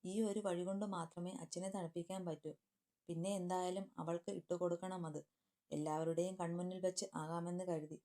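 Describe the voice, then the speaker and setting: A woman's voice: lowish voice, level tone, brisk, warm tone, close to an everyday voice. Woman voicing a curt guarded young husband.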